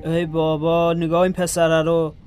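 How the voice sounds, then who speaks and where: A man's voice: a little high, monotone, natural voice. An actor playing a young male frontline soldier who is grieving and hot-tempered, with a blunt and scolding manner, in a radio drama. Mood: angry. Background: music.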